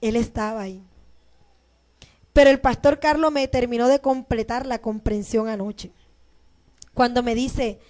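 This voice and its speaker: A woman pastor preaching a sermon, moving between loud proclaiming and soft, emotional storytelling. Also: a little high, steady tone, a little slow, long pauses. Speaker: pastor and teacher.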